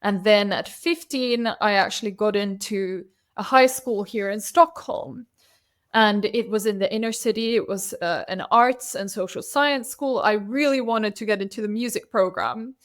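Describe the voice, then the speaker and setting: Chatting in a casual interview, this Finnish podcast guest, a native Swedish speaker and CEO ghostwriter, talks at medium pitch and normal speed. She is chatty and anecdotal, restarting her sentences often.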